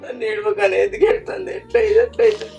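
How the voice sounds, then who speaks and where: A man's voice: sits high, steady tone, fast talker, vocal fry, darkish tone, highs cut off, faint music behind. An actor playing a sorrowful old father, speaking wearily about a life of hardship. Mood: mournful. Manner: weary, mournful.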